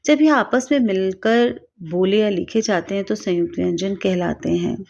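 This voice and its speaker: A woman teaching a grammar lesson, reading out example words slowly and carefully, one at a time. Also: mid-range voice, gravelly, a little mellow. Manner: slow, careful, spells out each example word. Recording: dull lo-fi recording.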